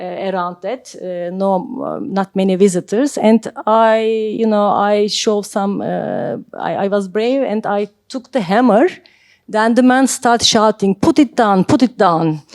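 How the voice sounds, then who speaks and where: A woman's voice: mid-range voice, darkish tone, no room sound, clean studio sound. A woman in her forties from Turkey, telling a story as a guest at a panel talk, hesitant, with many filler sounds. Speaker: art collector, panel guest. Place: library event hall.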